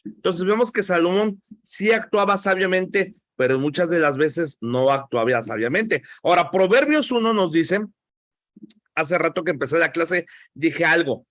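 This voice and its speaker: A man's voice: a little high, expressive, moderate pace, a bit bright, no echo, clean studio sound. A man with a Mexican accent teaching a Bible class, talking conversationally and asking the class questions.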